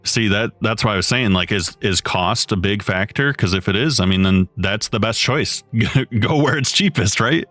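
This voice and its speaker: Male streamer, thirties, deep and low, relaxed rambling chat, dry close mic. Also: moderate pace, no echo. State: has the hiccups. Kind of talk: casual live-stream chat while building. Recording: dry close mic, faint music behind.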